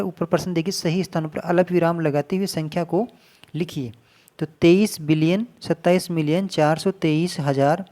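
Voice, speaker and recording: Patient male teacher with a mellow voice. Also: high voice. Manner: patient, repeats and counts digits aloud slowly. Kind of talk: casual classroom explanation at a board.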